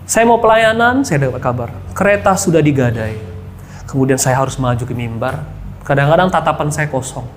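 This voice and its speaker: Animated pastor preaching in a hall. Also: male voice, mid-range voice, fairly quick, a little hiss or hum. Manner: animated preaching that keeps addressing the congregation, with quiet asides. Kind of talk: sermon. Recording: long hall reverb, faint background ambience.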